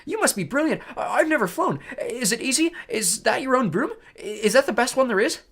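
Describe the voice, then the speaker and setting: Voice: medium pitch, animated, fairly quick, a bit bright, slightly rough, voice pushed up. A reader voicing an eager, star-struck young schoolboy who gushes breathlessly and trips over his words. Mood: excited, gushing.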